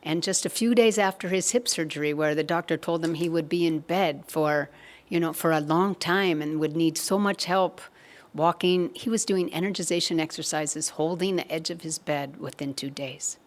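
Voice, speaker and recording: A woman giving a spiritual satsang talk, telling a story in a gentle, measured way. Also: low voice. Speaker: satsang speaker.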